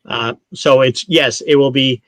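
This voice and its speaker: A man's voice: medium pitch, fairly even intonation, unhurried, a bit bright, no room sound. A man from Canada, a brand ambassador explaining spirits in a casual online tasting chat, rambling and correcting himself as he goes.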